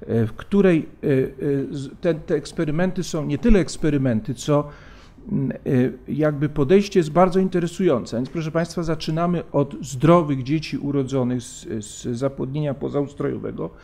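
A man in his forties giving an academic conference lecture at a lectern, measured and hesitant, with frequent fillers and restarts. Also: a little high, vocal fry, dark tone. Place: large conference hall, at a lectern. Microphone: lectern microphone.

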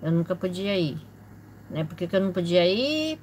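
A middle-aged woman telling a personal story on her vlog in a soft, halting way, often repeating herself. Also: on the low side, very animated, slight background noise. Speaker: channel host.

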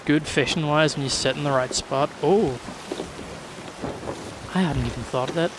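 A man's voice: a little high, moderate pace. A man streaming a game live, talking casually to his viewers and thinking aloud as things happen. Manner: chatty, thinks aloud, reacts to surprises. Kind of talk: live gameplay commentary. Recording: game sounds of ocean and ship noise behind.

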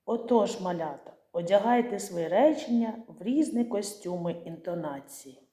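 A woman teacher giving a patient, gentle lesson to young children, asking them questions and answering for them. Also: mid-range voice, lively intonation, normal speed, roomy sound.

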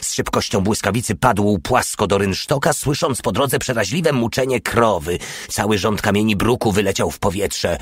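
A man narrating an audiobook in an even, measured storytelling manner. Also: on the low side, husky, no echo, studio quality. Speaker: audiobook reader.

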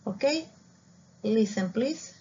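A woman teacher giving a bilingual English lesson, spelling out words and repeating them slowly. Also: mid-range voice, dark tone, a little hiss or hum. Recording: dull lo-fi recording.

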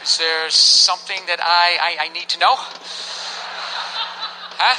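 A man's voice: high voice, fairly even intonation, a little slow, background noise, pitched below the performer's own voice. A man voicing a mournful, bewildered gorilla in a stand-up bit, stammering and hesitant. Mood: wary, probing. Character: sad sign-language gorilla, bewildered and mournful. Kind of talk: stand-up comedy act-out.

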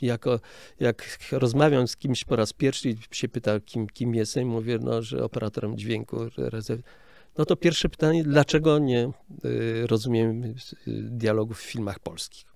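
An older man speaks as an interview guest, a film sound director explaining his work. His voice is gravelly, sitting at a middle pitch, and the sound is dry and close. He talks in a hesitant, explanatory way, often breaking off and restarting words. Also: normal speed, a little mellow, no room sound. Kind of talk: casual interview talk.

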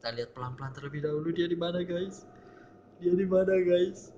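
A young man talks through a horror game in a jumpy, tense way, often calling out to his viewers. His voice sits a little high for a man. Clear noise runs behind him. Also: brisk, warm tone, highs cut off. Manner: jumpy, tense, keeps addressing viewers as guys. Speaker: gameplay streamer. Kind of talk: casual horror game commentary.

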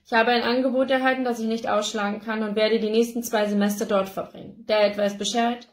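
Woman reading a young man's brisk farewell note. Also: fairly high pitch, level tone, reverberant, lightly acted. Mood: breezy. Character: young man writing a brief, hurried farewell note.

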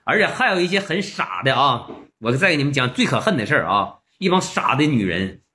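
A man's voice: medium pitch, very animated, a little fast, bright, forceful tone. A man with a Northeastern Mandarin accent, telling stories to his audience in a blunt, mocking, exclamatory way. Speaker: vlogger. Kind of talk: storytelling monologue.

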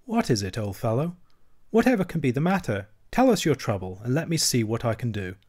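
Brisk, kindly rat, read by a man, hearty and reassuring, storybook voice. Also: medium pitch, very animated, a little mellow.

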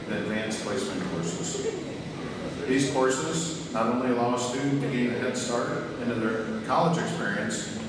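A man, a school superintendent, giving a formal commencement speech and addressing the audience in a deliberate way. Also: very noisy. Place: large hall at a graduation ceremony. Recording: booming echoey hall from far off, loud crowd ambience.

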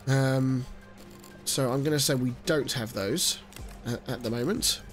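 Stuffed up and nasal from a cold, a thirty-something gaming channel host rambles through a casual let's-play with many fillers. His voice sits in the mid range and moves a little slowly, with faint music playing behind.

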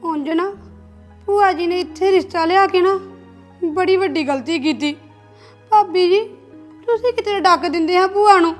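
An actress playing a young married woman in a family drama, tearful and pleading, over soft background music. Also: very high voice, moderate pace, pauses often. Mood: indignant. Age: young adult.

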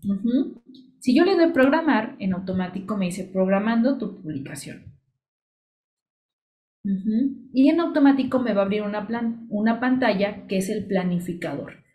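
A woman narrates a screen-share tutorial, talking the listener through each click in a chatty, explanatory way. Her pitch sits at an ordinary middle height, and she is close to the mic. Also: animated, normal speed, warm tone, slight background noise. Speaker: social media business coach.

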